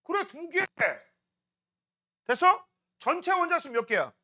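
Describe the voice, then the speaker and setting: High-pitched lively male science teacher. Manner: quizzing students with quick questions, casual banmal. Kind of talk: classroom lecture.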